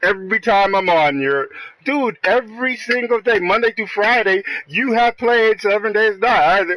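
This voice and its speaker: A man's voice: high voice, moderate pace, a bit bright. A man streaming a game who argues with a friend in casual banter, mocking him and swearing freely. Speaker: gaming streamer.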